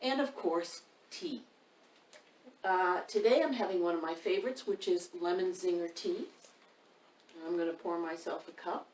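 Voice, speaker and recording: A storytime host and author reads aloud from a picture book, stopping to ask the young listeners questions. She speaks at a moderate pace in a fairly low, darkish voice. Picked up by a distant mic in an indoor room near a wood stove, the audio is roomy with faint noise.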